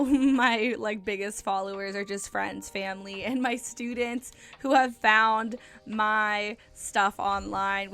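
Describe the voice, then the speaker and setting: A young woman hosts her own solo podcast, chatting casually and upbeat with frequent ums and likes. Her voice is medium-pitched and a bit bright.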